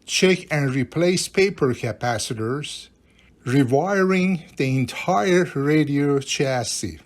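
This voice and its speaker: A radio repair hobbyist with a voice on the high side demonstrates a restoration in a casual, step-by-step tutorial. He's plain-spoken and instructive, often checking in with "right?", and his phrasing sounds non-native, with dropped articles.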